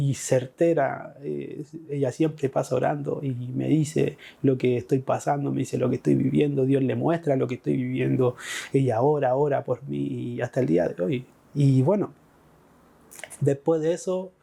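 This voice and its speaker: Speaking in a medium-pitched, creaky yet mellow voice, a middle-aged Chilean Spanish–accented man tells the story of his faith. His testimony is emotional and circles back on repeated phrases.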